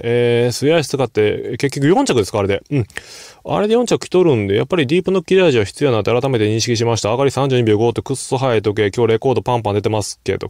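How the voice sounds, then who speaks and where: A man with a Kansai accent talks fast and loosely through his horse-racing bets, rambling and poking fun at himself. His voice has a gravelly fry. He is recorded close and dry, with no room sound. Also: mid-range voice, a little mellow, no echo. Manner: rambling and self-deprecating, often apologizing. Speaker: host. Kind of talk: casual horse-racing betting commentary.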